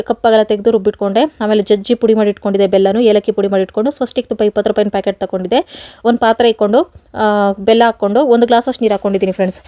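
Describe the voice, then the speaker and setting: A woman's voice: medium pitch, dark tone, dry recording. A woman in her thirties with a rural Karnataka Kannada accent, chatting casually to viewers in a home vlog. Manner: chatty, addresses viewers as friends constantly. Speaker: vlogger.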